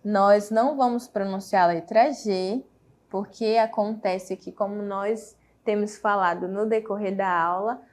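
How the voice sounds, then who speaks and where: A woman's voice: medium pitch, fairly even intonation, darkish tone. Patient Brazilian woman teaching English. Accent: Brazilian Portuguese. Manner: explains patiently, tags phrases with "né?", reads English examples slowly. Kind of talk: recorded classroom lesson.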